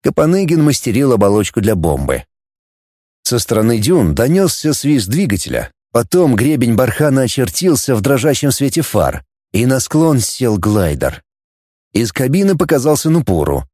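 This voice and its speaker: Brief: male narrator, animated inflection, dry close sound. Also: mid-range voice, normal speed, no echo. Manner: expressive, lively reading. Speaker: audiobook narrator. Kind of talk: scripted narration.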